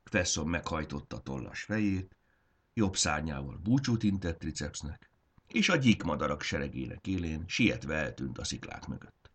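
A man narrates a fantasy audiobook in a dramatic, expressive way. His voice is very low, gravelly and husky, and his pitch rises and falls with plenty of life.

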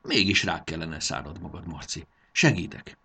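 A man's voice: deep voice, lively intonation, vocal fry, sharp tone, breathy edge, exaggerated voice. A man voicing a tiny fairy girl who pouts, teases and coaxes her friend. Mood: teasing, coaxing. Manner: pouting and teasing. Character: tiny cheeky fairy girl, eager and teasing.

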